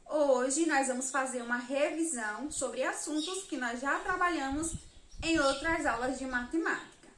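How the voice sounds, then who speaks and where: Slow, patient Brazilian woman teacher. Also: high-pitched, fairly bright tone, roomy sound. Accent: Brazilian Portuguese. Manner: slow, patient, counts and spells aloud. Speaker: primary school teacher. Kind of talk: remote lesson for children.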